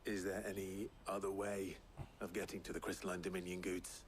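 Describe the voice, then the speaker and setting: An actor playing a serious young swordsman in a video game, terse and low-key. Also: flat delivery, fairly quick, slight background noise, lightly acted. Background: game music.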